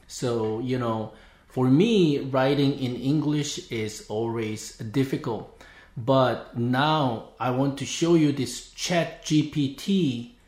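The voice is mid-range, slow and a little mellow: a man whose native tongue is Korean, hosting a podcast and guiding viewers through a casual screen-share tutorial click by click.

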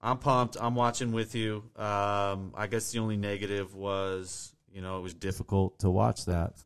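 A man's voice: on the low side, little pitch movement, moderate pace, clean tone. A man hosting a sports podcast, easygoing as he steers the conversation. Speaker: podcast host. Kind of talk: casual sports chat.

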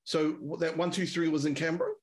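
A man's voice: on the high side, fairly even intonation, quick pace. A man hosting a podcast, asking casual questions and reacting eagerly to the answers. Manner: eager, easily impressed interjections. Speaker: podcast host. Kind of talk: casual interview.

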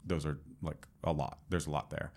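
A man's voice: very deep voice, little pitch movement, normal speed, a little mellow. A man in casual conversation, rambling with lots of fillers as he talks shop. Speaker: podcast co-host, developer. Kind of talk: casual chat.

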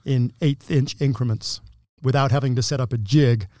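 A man's voice: mid-range voice, fairly even intonation, normal speed, a little mellow, dry recording. Brief: man from England, 60s, mid-range voice, detailed and assured, dry studio sound. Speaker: guest, window company owner. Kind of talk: casual interview talk.

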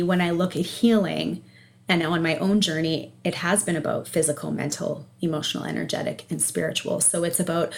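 Slightly low-voiced woman coach explaining. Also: creaky, darkish tone. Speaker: energy and life coach, podcast guest. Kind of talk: conversational interview answers.

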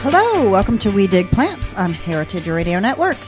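A woman co-hosts a radio program in a casual, chatty way. She wanders into asides and fills pauses with "um", and her voice sits at an ordinary middle pitch. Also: big pitch swings, over loud music. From Connecticut. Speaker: radio show co-host.

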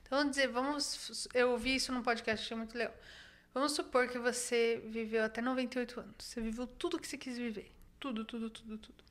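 A young adult woman from Brazil with a Brazilian Portuguese accent, hosting a casual livestream and talking with her mother in a lively, chatty way. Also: a little high, quick pace.

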